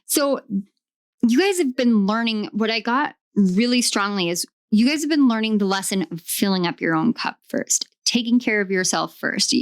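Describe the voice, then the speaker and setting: A woman giving a channeled tarot reading, talking with eager enthusiasm and often pausing to search for the right words. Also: medium pitch, animated, no room sound, studio quality. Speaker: tarot reader.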